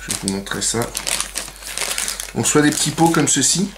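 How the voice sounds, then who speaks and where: A man's voice: mid-range voice, lively intonation, normal speed, heavy background noise. A man hosting a casual nail art tutorial, chatty and full of fillers, with playful self-mocking asides. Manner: chatty, many fillers and "donc". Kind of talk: casual how-to demonstration.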